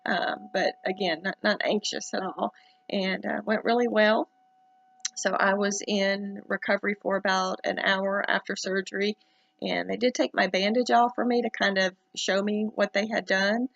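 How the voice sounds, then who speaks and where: A dry, close-sounding recording with a slightly muffled, lo-fi tone carries a woman talking casually to camera. Her voice creaks and crackles with fry. She speaks haltingly, pausing often as she gives a personal update. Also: mid-range voice, level tone, fairly bright tone, no echo. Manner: hesitant, halting, with many pauses. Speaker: vlogger documenting recovery from eyelid surgery.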